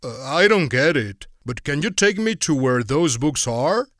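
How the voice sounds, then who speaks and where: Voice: mid-range voice, very animated, measured pace, a bit bright, no room sound, clean studio sound. A performer voicing a weary, complaining male rat of royal blood who sighs a lot and tires easily. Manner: sighing, whiny, easily bored.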